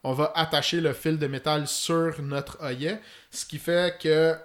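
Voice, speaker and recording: A man's voice: a little high, fairly even intonation, a little slow. Quebec man explaining fly fishing. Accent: Quebec French. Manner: detailed, technical, with many fillers. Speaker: fly-fishing guest expert. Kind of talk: casual podcast chat.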